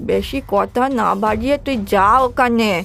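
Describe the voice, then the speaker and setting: A woman voicing an elderly grandmother in a cartoon, speaking slowly and soothingly. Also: gravelly, faint music behind. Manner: slow, low and soothing. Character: elderly grandmother, calm and commanding. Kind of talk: cartoon voice acting.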